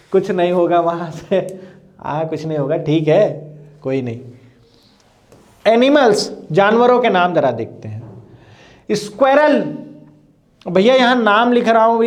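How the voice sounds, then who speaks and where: A male teacher, running a live online exam-prep class and drilling terms, checking again and again that students follow. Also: sits high.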